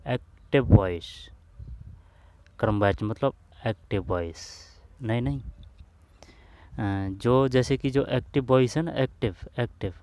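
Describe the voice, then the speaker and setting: A man talking through old exam questions in a relaxed, informal lesson. He mutters and repeats phrases while he works each one out, and keeps checking in with the viewer. His voice sits at an ordinary middle pitch. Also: a little hiss or hum. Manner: thinks aloud, repeats phrases, mutters to himself; addresses viewers as bhai, asks if they understood. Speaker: exam coach. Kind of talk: casual Hindi grammar lesson solving old exam questions.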